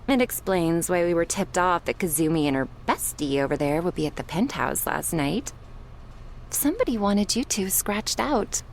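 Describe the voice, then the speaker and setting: Voicing confrontational women in a roleplay about a vampire crime syndicate, a woman speaks deliberately and dramatically in a mocking mood. Her voice is on the low side, with slight background noise.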